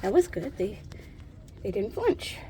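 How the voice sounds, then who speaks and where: An American woman talks to camera in a relaxed, chatty way from outdoors. Her voice is mellow and mid-pitched, and she speaks softly and soothingly. There is a faint hiss of outdoor ambience behind her. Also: a little slow. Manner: chatty, gentle and soothing with the animals. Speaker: homestead vlogger. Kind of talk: casual vlog narration. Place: outdoors in an animal pen on a hot day.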